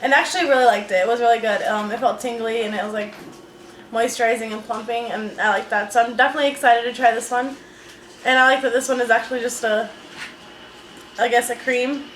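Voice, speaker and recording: A young woman vlogs from a room at home, casually chatting through an unboxing of beauty products and using plenty of fillers. Her voice is fairly high and fairly bright, with fairly even intonation and a fast pace. The room sounds echoey, with faint noise in the background.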